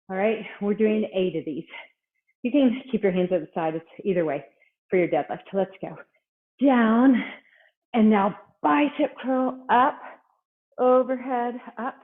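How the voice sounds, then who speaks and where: A woman instructor leading a workout, exercising along as she gives short cues and encouragement. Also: mid-range voice. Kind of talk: workout coaching, counting reps and cueing moves. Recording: thin, phone-like, band-limited sound.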